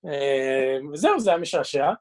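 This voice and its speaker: Deadpan man in his sixties, high voice. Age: 60s. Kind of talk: casual chat, reading out messages.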